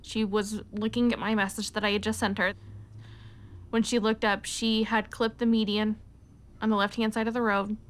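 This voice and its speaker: A young woman in a living room giving a grieving, steady documentary testimony. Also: mid-range voice, moderate pace. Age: young adult. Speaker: interviewee. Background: guitar music.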